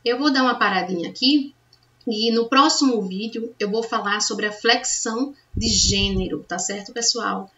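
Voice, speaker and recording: A woman's voice: fairly high pitch, moderate pace, fairly bright tone. A woman teaching a grammar lesson, patiently checking understanding with the class as she goes. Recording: distant, dull lo-fi sound.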